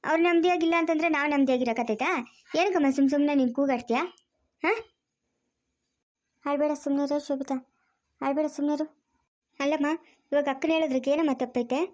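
A woman's voice: high voice, darkish tone, natural voice. A woman voicing an argumentative grown daughter in a cartoon family drama, pleading and insistent. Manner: pleading, insistent, fast-talking.

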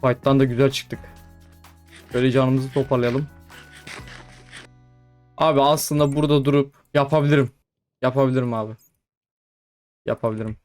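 A young man commenting on his gameplay as he plays, talking to the creatures on screen and calling out excitedly. His voice sits at an ordinary pitch, with faint music playing behind him. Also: moderate pace, pauses often. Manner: chatty, talks to mobs, frequent excited exclamations. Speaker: gaming YouTuber.

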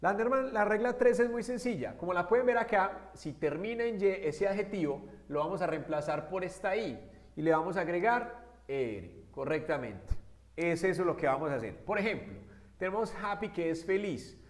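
A man's voice: sits high, lively intonation, moderate pace. A man teaching an English grammar lesson to Spanish speakers, explaining step by step and often checking with short questions. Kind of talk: classroom-style grammar lesson.

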